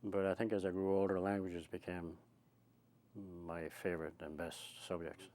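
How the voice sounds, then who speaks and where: A man's voice: low-pitched, level tone, moderate pace, darkish tone. An older man with an Irish accent, chatting in a rambling storyteller's way as he reminisces in an interview. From Ireland. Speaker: oral history interviewee. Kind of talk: conversational reminiscence.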